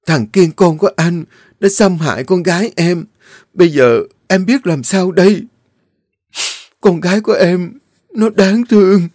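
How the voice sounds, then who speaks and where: A man voicing a young mother torn by grief and fury, crying out in a high, strained voice. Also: a little slow, long pauses, a little mellow, no echo. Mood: anguished wailing. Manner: shrill, sobbing outcries. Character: grief-stricken furious young mother Hiên. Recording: dry close voice, faint music.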